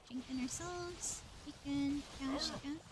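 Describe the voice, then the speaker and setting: A female livestreamer chats casually while playing a video game, thinking aloud in short bursts. Her voice sits high and moves a little slowly, with music playing behind her.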